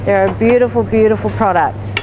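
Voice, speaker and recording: A woman's voice: mid-range voice, a little fast, noisy background. A middle-aged Australian woman co-hosting a casual cooking demonstration, chatty and gushing, full of questions. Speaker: co-host of cooking demo. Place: indoor kitchen demo set at a market.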